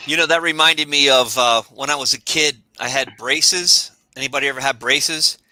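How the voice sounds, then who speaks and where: A man's voice: medium pitch, moderate pace, pushed and bright, dry recording, low-quality recording. Man telling a casual story on stage. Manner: casual storytelling, hesitant fillers. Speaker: improv performer. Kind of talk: comedy monologue to audience.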